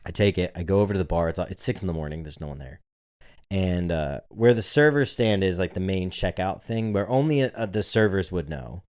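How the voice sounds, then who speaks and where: Young male podcast co-host with a low register. Profane, animated storyteller who acts out the dialogue. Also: a little fast, clear, resonant tone. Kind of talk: casual storytelling chat.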